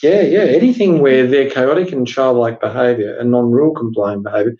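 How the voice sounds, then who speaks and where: A man's voice: medium pitch, fairly quick, mellow, highs cut off. A man co-hosting a casual podcast on workplace law, chatty and emphatic, posing rhetorical questions as he explains. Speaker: podcast co-host, workplace lawyer. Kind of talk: casual legal discussion podcast.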